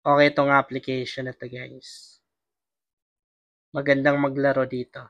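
A man's voice: mid-range voice, completely flat delivery, unhurried, a bit bright, no room sound, dull audio. A young Filipino man hosting a casual gaming vlog, his voice strained by a cough. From Philippines. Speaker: vlogger and host.

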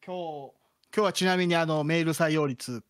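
A man's voice: a little high, moderate pace. A man from the Kansai region of Japan, a guest chatting casually with many fillers and self-deprecating asides. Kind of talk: casual chat.

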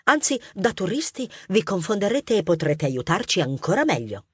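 A woman's voice: medium pitch, very animated, moderate pace, breathy edge, no echo, studio quality. A woman playing a friendly, witty police inspector mouse, businesslike and teasing. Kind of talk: audiobook character acting.

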